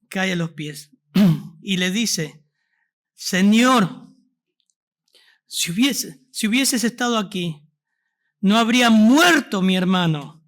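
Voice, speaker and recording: A man's voice: sits high, a bit bright. A man with an Argentine accent preaching a Sunday sermon as pastor, asking the congregation questions. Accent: Argentine Spanish. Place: church service.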